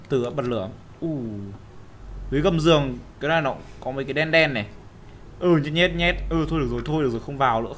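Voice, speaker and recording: A young man with a slightly high voice talks his way through a horror game as a gaming host. He yelps and shouts at the scares and drops to a mutter while sneaking. A faint hiss of noise sits under the recording. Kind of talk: horror game let's play commentary.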